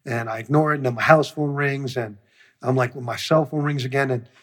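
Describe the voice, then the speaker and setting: Male producer, husky voice, profane storyteller who acts out the quotes. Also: mid-range voice, steady tone, brisk, a bit bright. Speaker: music producer. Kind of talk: storytelling interview.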